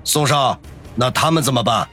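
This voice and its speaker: A man's voice: medium pitch, normal speed, pushed and bright, soft background music, voice pushed up, lightly acted. A man voicing a dim-witted, deferential male henchman reporting bluntly to his boss in an audiobook. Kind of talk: audiobook character voice.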